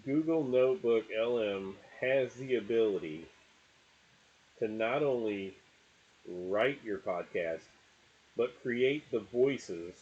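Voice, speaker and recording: A man co-hosting a podcast in casual chat, telling stories and listing things at a relaxed pace. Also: lowish voice, breathy edge, highs cut off. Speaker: podcast co-host.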